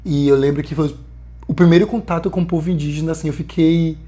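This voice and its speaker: On a casual podcast, a young missionary guest in his 20s from Bahia, Brazil, tells stories with earnest liveliness and plenty of fillers. His mellow voice sits on the high side, and he talks fast.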